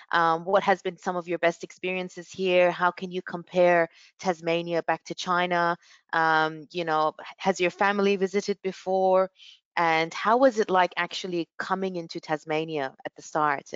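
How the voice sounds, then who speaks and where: A woman's voice: lowish voice, smooth, no echo, highs cut off. A woman hosting a university video call session, chatty with many fillers. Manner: friendly, lots of fillers like you know. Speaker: university staff host of student session.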